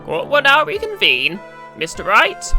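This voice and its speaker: A woman voicing a stern courtroom judge in a video game, in a formal, measured manner. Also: high voice, huge pitch swings, music in the background, pitched above the performer's own voice, heavily acted. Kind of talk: video game character voice-over.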